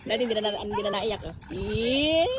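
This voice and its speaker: A woman's voice: a little high, noisy background. A woman filming a casual family vlog, talking to her toddler in coaxing baby talk, calling out and cooing.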